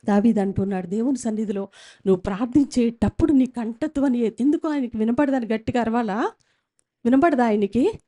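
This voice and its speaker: Woman, church sermon into a microphone, high voice, emphatic repeated phrases, sudden loud rises. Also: fairly quick. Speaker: preacher. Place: church service.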